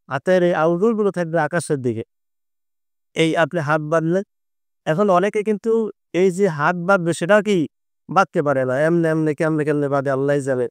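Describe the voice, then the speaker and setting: High-voiced preacher. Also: male voice, clear, resonant tone, dry recording, clean studio sound. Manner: explains step by step, asks and answers his own questions. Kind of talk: instructional sermon on prayer.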